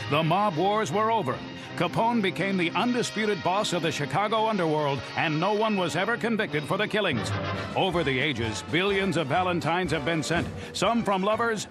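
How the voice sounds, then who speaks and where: A man with a high, bright voice narrates in the clipped manner of an old newsreel. He delivers it punchily and throws in wisecracks. Loud music plays underneath him. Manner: punchy, wisecracking asides to the people in the story. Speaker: documentary narrator.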